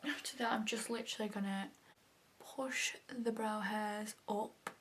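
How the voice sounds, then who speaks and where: A woman's voice: mid-range voice, fairly even intonation, unhurried, fairly bright tone, slight background noise. A young woman chatting through a makeup tutorial, filling her talk with "like" and often dropping to a half-whisper. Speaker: makeup vlogger. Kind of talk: casual makeup tutorial chat.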